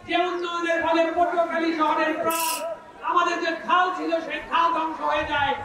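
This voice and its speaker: A man with a Bangladeshi accent gives a declamatory political rally speech, addressing the crowd directly. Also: very high-pitched. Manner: declamatory, rhetorical questions to the crowd. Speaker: political party speaker at a rally. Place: public rally, over loudspeakers. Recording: distant echoing PA, clear crowd noise.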